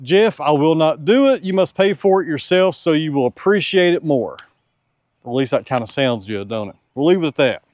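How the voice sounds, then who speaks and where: A man's voice: on the high side, expressive, normal speed, darkish tone, no room sound. A tired man answers viewer questions in an easygoing, folksy, frank way, outdoors on a farm. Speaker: sawmill owner and channel host. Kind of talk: casual Q&A with viewers.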